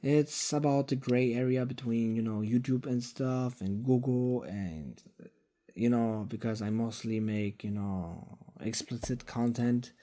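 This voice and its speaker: A man's voice: mid-range voice, measured pace, warm tone. A man of twenty giving a casual, rambling vlog update, swearing freely and filling gaps with fillers and restarts. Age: 20s. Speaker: YouTuber. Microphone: phone.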